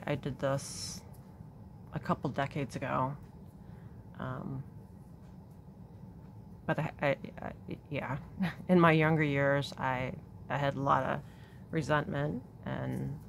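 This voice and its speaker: A middle-aged woman with a low voice reads a prophetic message aloud with deep reverence. She speaks slowly and earnestly in a soft, sincere way, like a devotional host talking to her viewers. A faint hiss of ambient noise sits behind her. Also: gravelly. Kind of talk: reading a prophecy aloud and discussing it.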